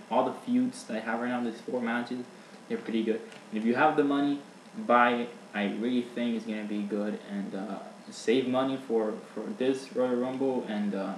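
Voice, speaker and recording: A young man giving a casual, rambling opinion rant as a vlogger, blunt and full of fillers. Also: medium pitch. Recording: echoey room with faint hiss.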